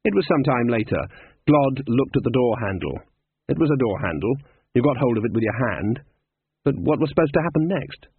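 A man reads a comic fantasy story with wry, dry timing, his voice mid-pitched and slightly husky. The sound is narrow and tinny, like a phone call, with no room echo. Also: expressive, fairly quick. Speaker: audiobook narrator. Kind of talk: scripted comic fantasy narration.

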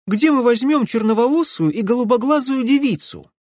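A hot-tempered young sorceress, as a male reader puts her on, shrill and sputtering with indignation. The pitch leaps around wildly in a dry, close audiobook recording. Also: animated, fairly quick, darkish tone, no echo. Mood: indignant.

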